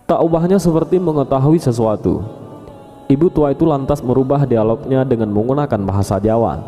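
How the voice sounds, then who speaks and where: A man narrating a religious story in a calm, steady storytelling manner. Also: mid-range voice, a little fast. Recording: long reverb over faint background music. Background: faint music.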